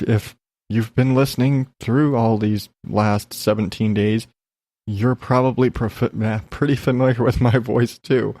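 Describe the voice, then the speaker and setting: A podcast host chats by himself in a casual, meandering personal update, frank and full of swearing, his voice slightly congested as he gets over being sick. He has a lowish, somewhat mellow voice, captured in a dry, clean studio recording.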